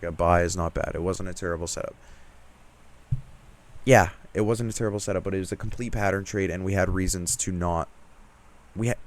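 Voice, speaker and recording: A young man venting about his week of trading in a candid, self-critical vlog rant, emphatic and frustrated, with casual slang. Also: sits low. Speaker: trading vlogger.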